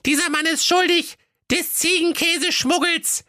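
A man voicing a young girl detective, bossy and triumphant, in a squeaky falsetto. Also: steady tone, measured pace, no room sound, clean studio sound, full character voice. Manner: squeaky falsetto, sharp and commanding.

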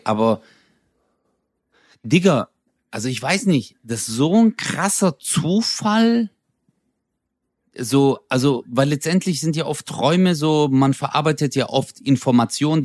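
A man's voice: medium pitch, no room sound. Slangy man telling a story in a dry room. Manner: animated storyteller, slangy, acts out dialogue. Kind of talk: casual chat.

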